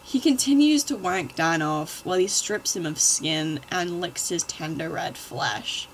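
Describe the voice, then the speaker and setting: A woman's voice: on the low side, lively intonation, a little slow, a little hiss or hum, rough recording. A woman at home reading fanfiction aloud, breaking off for wry, exasperated asides. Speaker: channel host.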